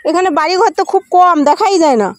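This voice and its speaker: A woman's voice: very high-pitched, quick pace. A young woman vlogger chatting to her viewers as she walks outdoors along a muddy riverbank. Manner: chatty, talks straight to viewers while walking. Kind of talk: casual travel vlog.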